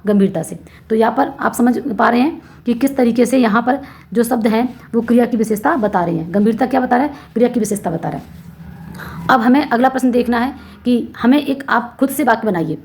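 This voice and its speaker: A woman's voice: a little high, darkish tone. A woman teacher explaining a textbook lesson, asking questions and answering them herself and repeating key words. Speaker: Hindi teacher.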